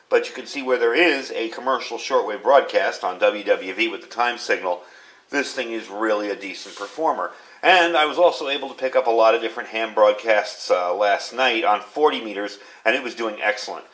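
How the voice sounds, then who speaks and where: Speaking a little fast, this man has a lowish voice with a fairly bright tone. He's a radio reviewer doing an unscripted, hands-on product review at a workbench indoors, keeping his explanations relaxed and informal. The room's ambience and background noise are plainly audible.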